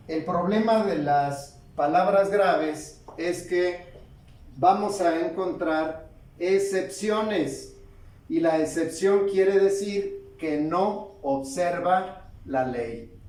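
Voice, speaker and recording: A male teacher with a slightly high voice works slowly through a grammar lesson. He asks his own questions and answers them with measured pauses. He sounds set back from the mic in a room with a lot of echo. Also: a little mellow, far from the mic.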